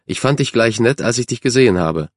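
A man's voice: mid-range voice, animated, fairly quick, no room sound, clean studio sound, natural voice. A man voicing a self-assured, friendly young girl who stands up for others. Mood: confident. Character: confident, kind young girl, team captain.

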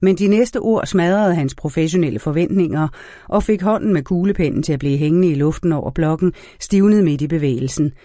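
A man reading a novel aloud as an audiobook narrator in a measured, even storytelling manner. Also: fairly high pitch, dry recording, clean studio sound. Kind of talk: scripted narration.

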